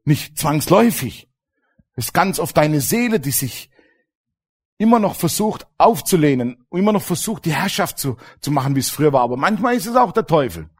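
Lively, high-voiced preaching man. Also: fairly quick, breathy edge. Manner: emphatic, rhetorical questions to the congregation. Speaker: pastor. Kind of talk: sermon.

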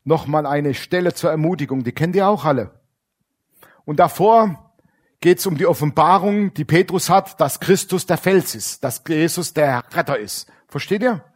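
Lively preacher man, colloquial. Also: a little high, moderate pace. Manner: lively, colloquial, dramatic swings between loud emphasis and quiet asides. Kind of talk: sermon.

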